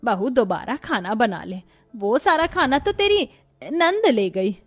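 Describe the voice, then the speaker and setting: A woman's voice: sing-song, measured pace, faint music behind. A woman voicing a tired, scolding older mother-in-law in a cartoon. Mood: weary. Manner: tired, scolding, lower and heavier voice. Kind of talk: cartoon voice acting.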